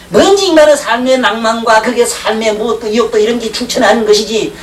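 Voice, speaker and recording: Rambling lecturer, taped far off. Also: male voice, sits high, fairly bright tone. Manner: rambling, joking, often checks in with the class. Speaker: lecturer on Chinese classics. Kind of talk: classroom lecture. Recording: roomy 1990s lecture tape, distant mic, faint hiss.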